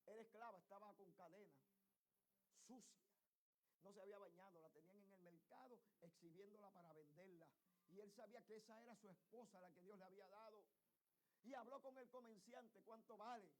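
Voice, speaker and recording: A man preaching a sermon in church, telling a story with passion and swinging from hushed tones to shouting. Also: high-pitched, a little fast.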